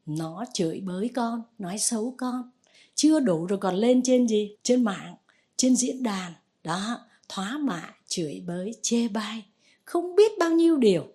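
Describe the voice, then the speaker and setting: A woman's voice: mid-range voice, expressive, a little slow, warm tone, breathy edge. A woman voicing a troubled male lay Buddhist disciple who pleads and defends himself.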